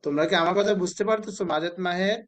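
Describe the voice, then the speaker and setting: A man teaching a spelling and pronunciation lesson to children, who asks questions and answers them himself and says each word slowly, again and again. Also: sits high. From Bangladesh.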